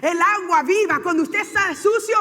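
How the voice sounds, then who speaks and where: A male preacher with a very high, bright voice delivers an impassioned sermon. He repeats his phrases and has the congregation say them back. His voice rings with the long reverb of a church hall. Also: normal speed. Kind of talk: Spanish sermon with call-and-response. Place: church sanctuary.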